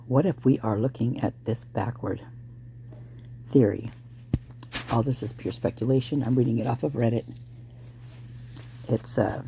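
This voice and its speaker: A hoarse true crime commentator speculating casually and thinking aloud, breaking into exclamations at sudden ideas. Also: mid-range voice, mellow, slight background noise.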